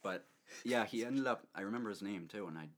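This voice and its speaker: A young man with a very low, deep voice tells a long rambling story in casual chat. He laughs often and keeps restarting his sentences as he goes. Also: quick pace, a bit bright. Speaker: storyteller co-host.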